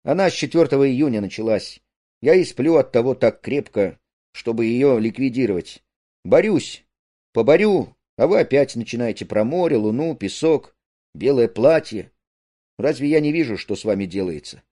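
A man reading a play aloud, voicing an earnest, jealous young man who talks haltingly. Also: medium pitch, animated, warm tone, lightly acted.

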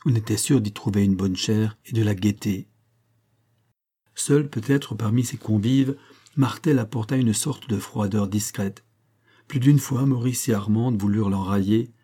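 A man reading a classic novel aloud as an audiobook narrator, telling it in a steady, even way. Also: lowish voice, slightly rough.

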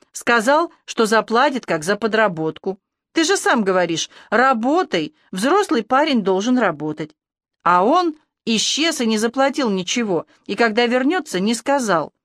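A woman's voice: a little high, sing-song, normal speed, fairly bright tone, no echo, studio quality. A woman voicing a whiny, childish young man who whimpers and pleads in an audiobook. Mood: pleading. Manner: whining, tearful, pleading.

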